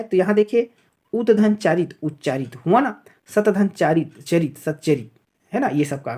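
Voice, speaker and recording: A woman leads an exam-prep grammar lesson in a fairly low voice. She talks her viewers through each example, repeating it and checking in often with a quick "okay.". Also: mellow. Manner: addresses viewers as friends, repeats examples, frequent "thik hai" checks. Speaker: teacher.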